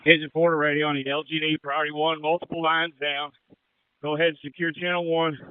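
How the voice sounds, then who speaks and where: High-voiced fire officer over a handheld radio. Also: male voice, flat delivery, fast talker, clear, resonant tone. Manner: terse, clipped status reports. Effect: heard over a handheld fire radio. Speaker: fire engine officer on scene. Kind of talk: fireground radio traffic. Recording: tinny two-way radio transmission.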